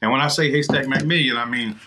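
Male host, casual and teasing, forceful bright tone, noisy restaurant background. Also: medium pitch, fast. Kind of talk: casual chat. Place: inside a fast-food restaurant, seated at a table.

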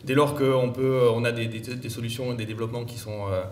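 A man directing an organisation answers conference questions in a hesitant way, with many fillers and restarts, clearing his throat because his voice gives him trouble. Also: medium pitch, flat delivery, a little fast, darkish tone. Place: large conference room. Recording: echoey room, distant mic.

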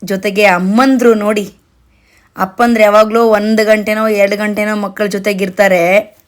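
A woman's voice: medium pitch, level tone, moderate pace. A woman storyteller narrating a children's bedtime story, chatting directly with her listeners.

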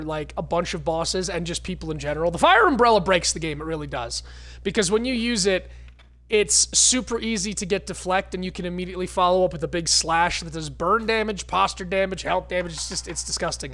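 A man streaming a video game, chatting casually and joking with quick asides. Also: high-pitched, pushed and bright. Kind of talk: casual gameplay commentary.

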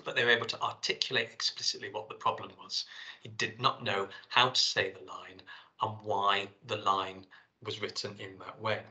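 A man's voice: lowish voice, flat delivery, moderate pace, pushed and bright, low-quality recording. A middle-aged man giving a seminar presentation, talking through his slides and reading his field notes aloud. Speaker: lecturer.

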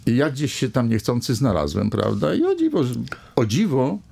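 A man's voice: medium pitch, wildly swooping pitch, normal speed, vocal fry, dark tone, slightly rough. An older man, a village mayor, talking in a radio studio interview at a desk microphone, rambling with many hesitations and fillers. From Poland.

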